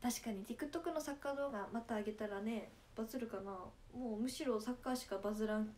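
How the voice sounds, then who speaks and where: A woman's voice: on the high side, fast, a little mellow, slight background noise. A young woman from Nagasaki speaking in Nagasaki dialect, chatting playfully with viewers on a casual livestream and laughing often. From Japan, Nagasaki. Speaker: idol livestreamer.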